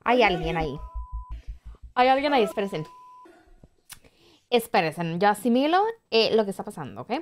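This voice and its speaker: A woman's voice: medium pitch, big pitch swings, normal speed, long pauses, slight background noise. A woman in her twenties hosting a reaction video, chatting animatedly with jumpy exclamations. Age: 20s. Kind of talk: casual reaction commentary.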